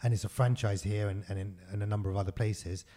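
A man's voice: lowish voice, steady tone, quick pace, warm tone. A man co-hosting a podcast in casual conversation, speaking informally and emphatically with laid-back slang. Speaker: podcast co-host. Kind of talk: casual chat.

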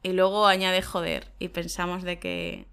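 A woman from Spain, co-hosting a lesson and explaining slang to learners in a lively, emphatic way. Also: on the low side, normal speed, vocal fry, smooth. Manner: lively, emphatic, laughs often. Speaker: Spanish teacher and co-host.

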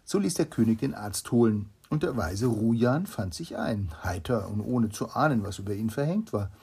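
A man reads an old fairy tale aloud to a child. His voice is low and gravelly, with a mellow, dark tone and a breathy, husky edge. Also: lively intonation, moderate pace. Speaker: storyteller.

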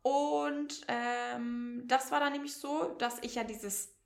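A woman's voice: a little high, slow pace, vocal fry. A young woman co-hosting a podcast, chatting casually and acting out quoted dialogue as she tells stories. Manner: animated storytelling, acts out quoted dialogue. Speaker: podcast co-host. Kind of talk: casual chat. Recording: roomy echo.

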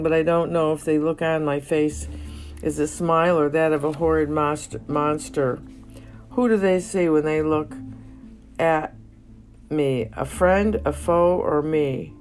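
A woman's voice: low-pitched, fairly even intonation, a little slow, darkish tone. A woman reading her personal memoir aloud in a reflective, emotional, poetic way. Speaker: narrator. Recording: faint guitar music behind.

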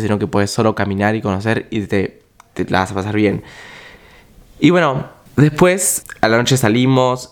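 A young man with an Argentine Spanish accent hosts a podcast, telling a travel story as a casual monologue. He's chatty and slangy, swears, and fills gaps with small words, his voice on the low side, clear and resonant.

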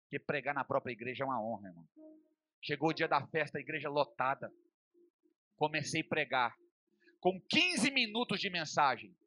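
A young man preaching a testimony sermon, swinging from loud fervent passages to quiet storytelling. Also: fairly high pitch. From Brazil.

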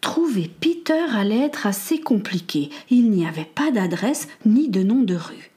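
A woman reading a children's story aloud. Her narration is calm, steady and clear, paced for listening. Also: mid-range voice, unhurried.

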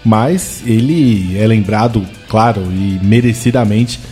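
A man's voice: lowish voice, slow pace, warm tone, soft background music. A Brazilian man co-hosting a podcast, chatting conversationally about football history. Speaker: podcast co-host.

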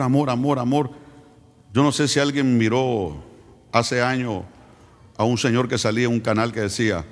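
A male pastor preaching a sermon, firing direct questions at the congregation and swelling into shouted, sung-out lines. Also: medium pitch, big-room sound.

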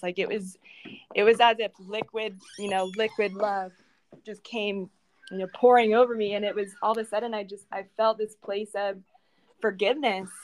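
A woman in a personal conversational interview, earnest and halting, telling her faith story at home with many restarts and fillers. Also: medium pitch, a little hiss or hum. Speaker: guest sharing her faith testimony.

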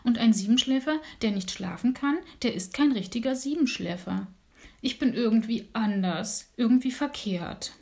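A woman voicing a restless little male dormouse in a bedtime storybook, with a higher, eager childlike voice. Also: animated, moderate pace, dark tone. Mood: plaintive.

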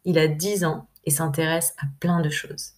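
A young woman from France calmly reading her first-person travel diary aloud in a measured way. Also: deep voice. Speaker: narrator.

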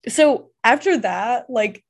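A young woman co-hosting a podcast in casual chat, animated, swearing freely and laughing often. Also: on the high side, slow. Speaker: podcast co-host.

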